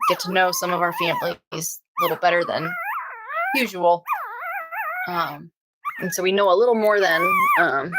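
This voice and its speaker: A woman's voice: fairly low pitch, heavy background noise. A woman, chatting casually on a livestream with frequent ums. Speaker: dog breeder and livestream host.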